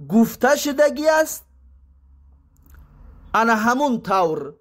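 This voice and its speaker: A man with a Tajik accent teaching Arabic grammar, reading terms slowly and then explaining them. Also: sits high, a bit bright. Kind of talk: grammar lesson.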